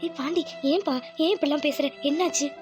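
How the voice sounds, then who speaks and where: A woman voicing a gentle older village mother-in-law who speaks softly and tenderly to her son. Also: high-pitched, a little fast, faint music behind, voice pushed down, lightly acted. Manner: soft, tender, reassuring.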